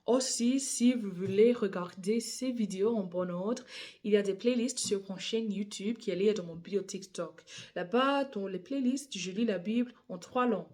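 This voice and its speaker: A young woman with an English accent reads scripture aloud in a second language, hesitant and often correcting herself, before shifting into casual chat. Her mid-range voice has a dark tone and moves at a moderate pace.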